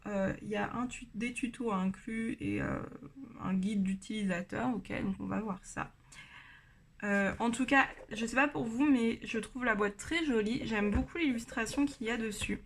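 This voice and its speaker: French woman, casual art supply review, hesitant with fillers, fairly high voice. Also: measured pace. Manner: hesitant, many fillers and restarts.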